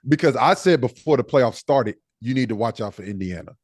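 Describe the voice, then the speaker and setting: A man's voice: medium pitch, lively intonation, fairly quick, darkish tone, no echo, clean studio sound. A man co-hosting a podcast, talking basketball in a laid-back way and thinking aloud with fillers. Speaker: podcast co-host. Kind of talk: casual sports talk.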